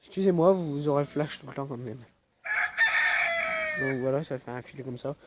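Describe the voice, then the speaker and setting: Recording a casual outdoor vlog on his phone camera, a young vlogger with a cold rambles through a tour of his yard, filling it with lots of fillers. He speaks at a normal speed in a medium-pitched voice, and the audio is very noisy.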